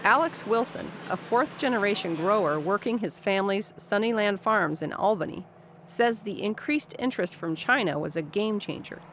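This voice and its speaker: A reporter reading scripted news narration in a steady, measured way. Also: medium pitch, slight background noise.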